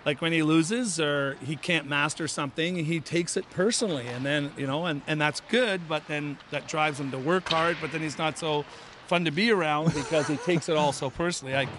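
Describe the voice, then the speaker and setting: The player's father, a middle-aged man from a first-generation Irish family, talks casually and fairly quickly as an interview guest, his voice on the high side. He rambles, restarts often, and fills in with "you know," with background noise present.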